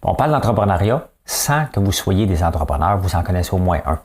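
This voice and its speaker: A man with a Québécois French accent hosts a casual news commentary show. His voice sits a bit low. His delivery is loose and conversational, full of rhetorical asides to the audience. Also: sing-song, brisk. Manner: chatty, keeps adding a rhetorical "hein?".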